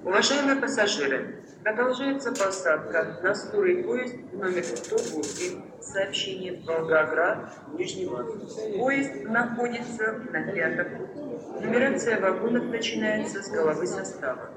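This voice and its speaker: Public-address train announcer, formal scripted delivery, high pitch, booming with echo through a station loudspeaker, heavy background noise. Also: animated, a little slow. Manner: formal, scripted, repeats each notice. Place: railway station, over public-address speakers. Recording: echoey noisy station loudspeaker, distant. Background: loud station ambience noise.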